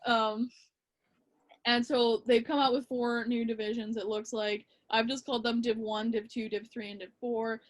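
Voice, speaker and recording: A woman co-hosting a casual hockey chat, relaxed and hesitant with lots of ums. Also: a little high, moderate pace, hardly any pauses. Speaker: podcast co-host.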